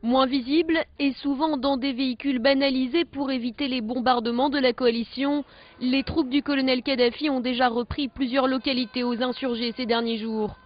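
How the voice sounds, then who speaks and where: Newsreader woman, high voice, even measured delivery, slightly dull broadcast audio. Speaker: news narrator. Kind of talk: scripted news voice-over.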